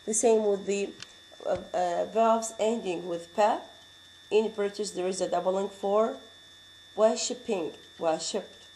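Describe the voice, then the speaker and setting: Woman teacher, Arabic accent, mellow voice, patient and repetitive lecture delivery. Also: mid-range voice, fairly even intonation, a little hiss or hum, poor audio. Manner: explains slowly, repeating words and reading out examples; switches into Arabic to explain. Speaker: English grammar teacher. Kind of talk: classroom lecture.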